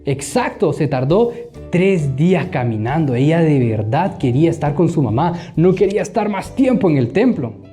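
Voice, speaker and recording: Animated man telling a children's Bible story. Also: on the high side, moderate pace, faint music behind. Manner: animated, asking the children questions often. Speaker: children's Bible school teacher.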